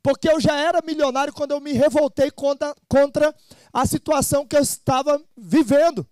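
A man's voice: extremely high pitch, a little fast, a little mellow, no room sound. A man hosting a live motivational seminar, energetically urging the crowd to call out and repeat phrases. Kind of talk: live seminar pep talk.

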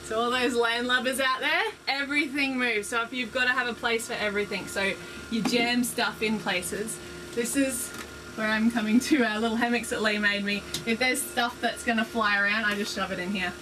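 Walking through the small indoor cabin of her sailboat, a woman chats cheerfully about her gear with plenty of ums. Her fairly high voice is steady and moderately paced, and the close handheld camera also catches a noisy background.

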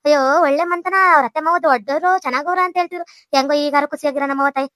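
In a cartoon, a woman voices a chattering old village grandmother with a North Karnataka Kannada accent, fussing, gushing, and sighing a lot. Her very high, bright voice rattles along fast, and the recording is dry and close with no echo.

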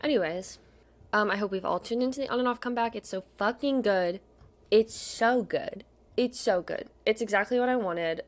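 At a moderate pace and in a mid-range voice, a young adult video host rambles casually while screen-sharing. She collects K-pop photocards and talks in gushing slang, occasionally dropping to a murmur.

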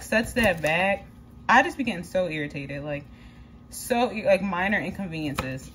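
A young woman speaks to her vlog viewers from her home kitchen, chatty, candid and loose, peppering her talk with "like" and the odd swear word. Her voice sits at a middling pitch. A faint hiss runs under the phone recording. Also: fairly bright tone. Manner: candid and chatty, venting with lots of "like" and casual swearing. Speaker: vlogger. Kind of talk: casual vlog chat while cooking.

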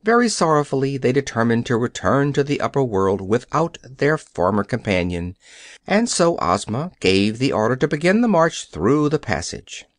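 A man narrating an audiobook with expressive storytelling, recorded on a close studio mic. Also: medium pitch, normal speed, no room sound. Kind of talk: scripted narration.

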